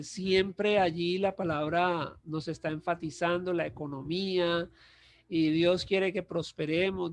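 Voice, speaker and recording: Male Bible teacher with a high, gravelly voice who explains verses patiently and repeats his points. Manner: explains slowly, restates verses, lists steps.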